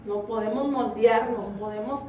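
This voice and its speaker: A woman's voice: fairly high pitch, normal speed, mellow, a little hiss or hum. A woman preaching a sermon, earnestly exhorting her congregation. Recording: roomy, distant mic.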